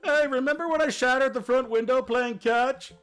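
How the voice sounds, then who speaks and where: A man voicing a sarcastic teenage girl in her last year of high school, teasing her dad with deadpan quips in a game playthrough. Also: normal speed, faint music behind. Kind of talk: playthrough voice acting.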